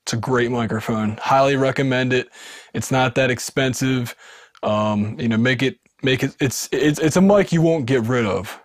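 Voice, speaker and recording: In a small room with wood paneling, a man in his thirties hosting a home recording video walks through his gear in a relaxed way, often starting sentences over. A studio dynamic mic off camera captures his mid-range, sibilant voice at normal speed, clean and dry.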